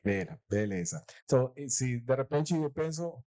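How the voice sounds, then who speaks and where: Medium in pitch, dark in tone and animated, this guest speaker's voice keeps a measured pace with no echo. He's from Mexico, a native Spanish speaker with a Mexican accent, giving a live corporate talk in Portuguese sprinkled with Spanish words while poking fun at himself and laughing a lot.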